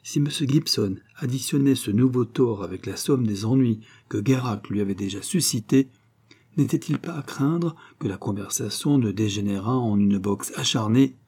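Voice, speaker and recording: A man reading a novel aloud in steady, measured narration. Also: mid-range voice, breathy edge. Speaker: audiobook reader. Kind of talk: scripted narration.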